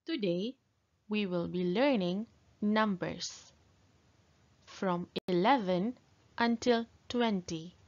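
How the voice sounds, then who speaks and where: A woman English teacher giving a young children's lesson, teaching them to count, slowly and with prompts to repeat, on a muffled recording. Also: mid-range voice.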